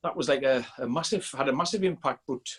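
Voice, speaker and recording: A man in his forties from Sunderland, England, a strength coach, talks fast in a husky mid-range voice. As a podcast guest he chats casually, rambling and restarting many times.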